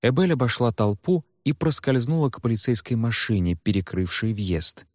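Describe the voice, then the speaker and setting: A man narrating an audiobook in an expressive, dramatic way. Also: medium pitch, moderate pace, dry recording, studio quality.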